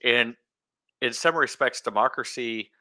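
A man's voice: mid-range voice, a little slow, pushed and bright, no echo. A man chatting about politics in a loose, casual way, hedging his points.

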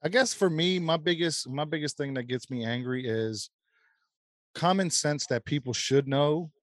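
A man co-hosting a podcast in casual chat, relaxed and conversational. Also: on the high side, moderate pace, no room sound, clean studio sound. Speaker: podcast co-host.

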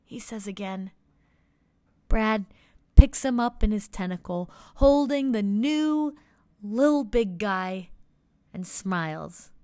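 A woman narrating a playful picture story in an animated, storytelling way. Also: mid-range voice, slow, no room sound. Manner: animated, making up a story as she describes pictures. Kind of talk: playful read-aloud storytelling.

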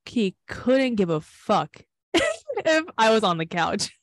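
A woman's voice: on the high side, wildly swooping pitch, dry recording, clean studio sound. A woman co-hosting a casual podcast over a video call, laughing often and swearing freely. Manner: laughing, profane, quick reactions. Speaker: podcast co-host.

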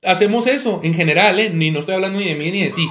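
A Mexican man with a high voice co-hosting a casual podcast. He speaks haltingly, restarting and repeating words as he talks. The sound is echoey, as in a bare room. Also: background noise. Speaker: podcast co-host. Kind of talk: casual joking chat.

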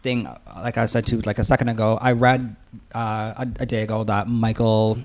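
This man speaks with a lisp, his s sounds slushy and whistling, in a lowish voice with flat delivery at a moderate pace. As a podcast co-host he talks casually yet earnestly in a loose, rambling discussion.

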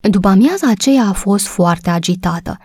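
Woman audiobook narrator, steady storytelling, warm tone, dry sound. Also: medium pitch, breathy edge, no room sound.

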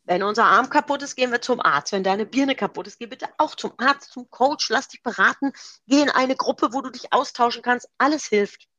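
A woman's voice: on the high side, moderate pace, sharp tone, no room sound, muffled recording. A middle-aged woman coach explaining self-coaching exercises step by step in an interview, in a practical, example-driven way.

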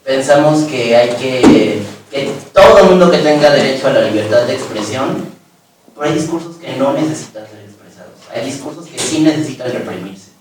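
A man's voice: mid-range voice, animated, moderate pace, crowd noise. A man thoughtfully sharing views and a personal story in a discussion, sometimes searching for words. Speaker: panelist. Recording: echoey room, distant mic.

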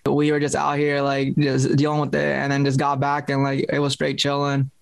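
A man's voice: medium pitch, monotone, normal speed, creaky, no room sound. A man co-hosting a podcast, chatting in a loose, laid-back way with lots of filler words. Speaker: podcast co-host. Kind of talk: casual chat.

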